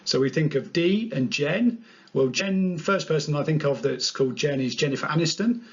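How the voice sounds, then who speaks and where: A man's voice: fairly high pitch, animated, normal speed. A man presenting a study tutorial in a playful, upbeat way. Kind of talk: narrated revision tutorial. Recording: dull lo-fi sound.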